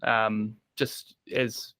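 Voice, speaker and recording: Nz bloke on a sports pod, gravelly voice, dry close sound, lots of ums. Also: male voice, on the low side, flat delivery, extremely slow, bright, forceful tone, no echo. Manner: hesitant, lots of ums and restarts. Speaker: podcast panelist. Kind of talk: casual sports chat.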